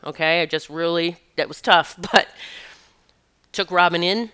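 A woman's voice: on the low side, a little slow, sharp tone, clean tone. A woman hosting a show, telling a personal story in an earnest, emotional way, with restarts and laughs as she goes. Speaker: podcast host.

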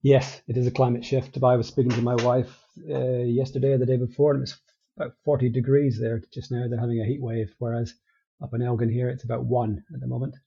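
Scottish man in middle age, dark husky voice on a dull remote line, loose rambling guest talk. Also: medium pitch, fast. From Scotland. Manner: relaxed, rambling with frequent restarts. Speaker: guest, company co-founder. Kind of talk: casual interview chat.

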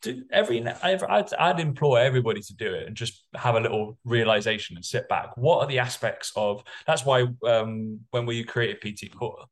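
A man's voice: mid-range voice, normal speed, few pauses. A man who works as a personal trainer and runs a course, speaking in a candid, rambling way and swearing often in a casual podcast chat.

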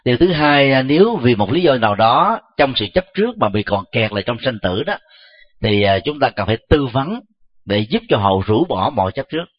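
A man, a Buddhist monk, giving a measured dharma talk and answering questions, pausing often with soft fillers. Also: mid-range voice, big pitch swings. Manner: slow, measured, frequent filler "à". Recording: dull lo-fi recording.

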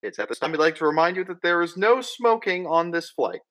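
A man acting out a male airline captain making a calm cabin announcement to the passengers, stumbling a little over the numbers. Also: fairly high pitch, brisk, pitched above the performer's own voice. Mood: calm, official. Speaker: game master.

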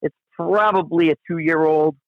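A man's voice: on the high side, fairly even intonation, measured pace, no echo. A man telling a long outdoor story in casual conversation, rambling and profane, with frequent restarts. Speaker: guest storyteller. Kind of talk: casual spoken anecdote. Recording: dull, dry lo-fi recording.

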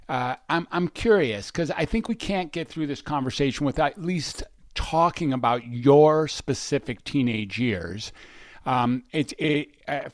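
A man hosting an interview, asking long, rambling questions with many pauses and fillers. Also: mid-range voice, no room sound, clean studio sound. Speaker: podcast host. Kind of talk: podcast interview.

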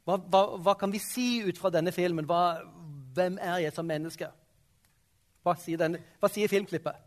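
A man leading a classroom discussion, asking the students questions and checking in with them often. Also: high-pitched. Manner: questioning, prompting the class with frequent "sant?" and "ok?". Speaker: teacher.

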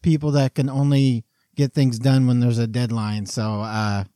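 A man's voice: mid-range voice, little pitch movement, normal speed, dark tone, dry recording. A man chats on a podcast, poking fun at himself with easy laughter. His voice is recorded dry and close. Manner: laughing, self-deprecating. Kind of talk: casual podcast chat.

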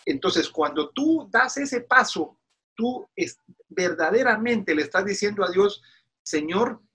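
Middle-aged pastor from Guatemala, bright husky voice, earnest preacherly interview guest. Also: male voice, high voice, lively intonation, measured pace. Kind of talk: casual interview talk.

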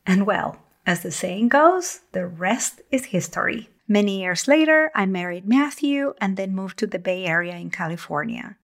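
A woman, hosting her podcast as a communication coach in a calm, measured, gentle way. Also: mid-range voice. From Argentina. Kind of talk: scripted podcast monologue.

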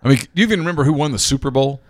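A man's voice: mid-range voice, rapid-fire, dry recording. A man co-hosting a sports talk show, bantering wryly and reading listener questions aloud in a studio. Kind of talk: casual sports radio chat. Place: radio studio. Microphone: studio microphone.

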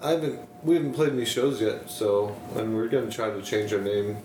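Male podcast guest, low-pitched, easygoing and rambling; echoey room, noisy. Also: steady tone, a little fast, music in the background. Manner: laid-back, rambling with fillers. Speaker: guest drummer. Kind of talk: casual chat. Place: room with several people.

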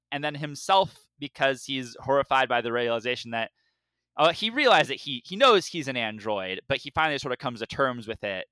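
A man's voice: medium pitch, smooth, no room sound. A man co-hosting a casual podcast, joking dryly and recapping a story. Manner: dry joking, relaxed storytelling. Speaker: podcast co-host.

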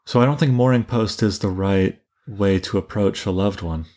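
A man's voice: lowish voice, moderate pace, darkish tone. A man from Canada co-hosting a casual book discussion, musing and thinking aloud with frequent restarts. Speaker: podcast co-host.

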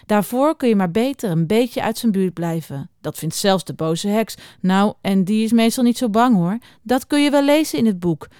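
A woman giving a children's morning talk and reading a story aloud in an expressive, chatty way. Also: medium pitch, moderate pace, few pauses, clean tone, dry recording, clean studio sound.

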